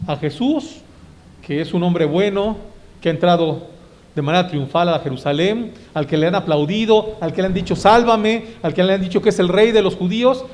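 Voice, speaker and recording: A man preaching a Sunday sermon, dramatically acting out shouting crowds and asking the congregation questions. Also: high voice, moderate pace. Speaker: pastor.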